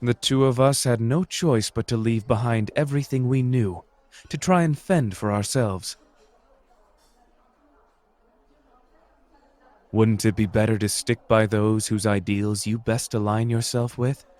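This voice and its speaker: In this anime audio roleplay, a suave rogue sorcerer is voiced by a man in the mid range, lightly acted and recorded with no echo. He talks in a measured, formal way, gently persuading and manipulating, his tone coaxing and needling.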